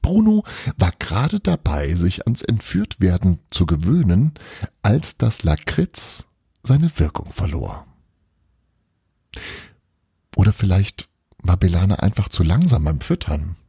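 A man narrating a Christmas audiobook chapter in a lively, playful storytelling manner. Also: deep voice, a little slow, gravelly, husky, no echo, studio quality.

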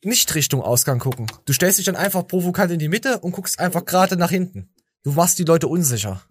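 Tired podcast guy rambling and cracking jokes, voice a bit high, lots of restarts. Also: expressive, a little fast, a little hiss or hum. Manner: rambling, joking, stammering restarts. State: tired from little sleep. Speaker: podcast host. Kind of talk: casual chat.

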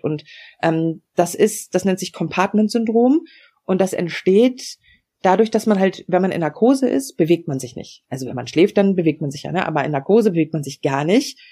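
Frank, matter-of-fact woman with a mellow, husky voice. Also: on the low side. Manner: frank, matter-of-fact explanations with frequent fillers. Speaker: interview guest. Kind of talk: personal storytelling in a podcast interview.

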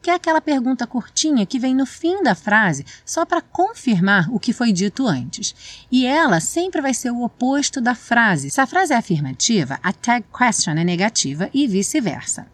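A woman teaching an English lesson, explaining pronunciation slowly and carefully. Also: on the high side, sing-song. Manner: slow, explanatory, reads English song lines slowly.

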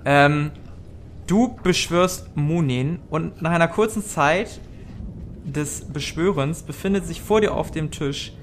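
A man's voice: fairly high pitch, slow pace. A man narrating a tabletop role-play as game master, with some noise behind him.

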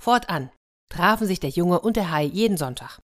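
A woman narrating a children's story aloud in a lively, expressive manner. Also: on the low side, normal speed.

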